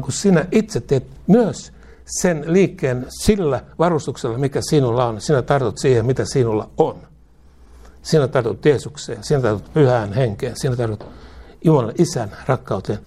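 A middle-aged man preaching a sermon, asking the congregation questions and rising in pitch and force when he exhorts them. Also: warm tone.

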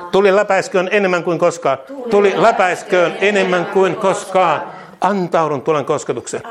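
A man leading a fervent charismatic prayer and blessing, chanting repeated syllables, speaking in tongues and laughing through his words. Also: high voice. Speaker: prayer leader. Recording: crowd noise in the background.

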